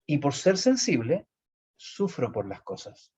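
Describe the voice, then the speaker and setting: The man's medium-pitched voice is mellow with a breathy edge, unhurried but swinging widely in pitch. A teacher with a Chilean Spanish accent, he gives a rambling lecture on personality types, repeating and restarting phrases, captured in dull lo-fi sound.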